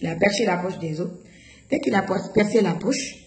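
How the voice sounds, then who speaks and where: A woman's voice: mid-range voice, moderate pace, a little mellow. A woman from Guinea, giving an emotional personal testimony and stumbling and repeating herself as she tells her story. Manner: emotional, repeats "je dis" and stumbles over words. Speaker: interviewee recounting her own childbirth. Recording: roomy echo with faint noise.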